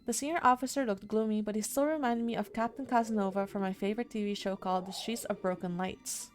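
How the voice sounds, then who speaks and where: A woman game streamer reads a horror visual novel aloud dramatically, tossing in spontaneous asides. Her medium-pitched voice is steady and fast, with game music playing behind her.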